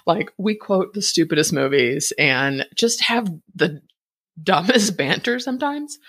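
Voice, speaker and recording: A woman in her fifties hosting a podcast, talking through a personal reflection quickly and a bit mumbled, laughing often. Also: lowish voice, lively intonation, a bit bright, husky. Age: 50s. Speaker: podcast host.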